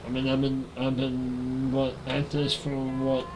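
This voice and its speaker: Over a noisy background, a relaxed streamer in his forties with a nasal voice chats with viewers as he plays a game, using a headset mic. He's medium-pitched and unhurried.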